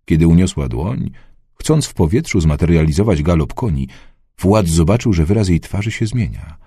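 A man narrating an audiobook in a measured, even reading voice on a close mic. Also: low-pitched, husky, no room sound. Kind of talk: scripted narration.

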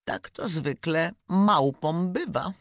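A reader reciting rhyming fables aloud in an expressive, rhythmic way. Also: mid-range voice, slow, dry recording, clean studio sound. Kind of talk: reading verse fables aloud.

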